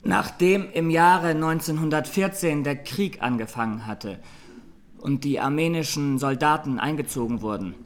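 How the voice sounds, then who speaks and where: In a courtroom radio drama, a male actor with a fairly high voice plays a haunted young Armenian defendant. His lightly acted testimony is grave and deliberate, a sombre recounting.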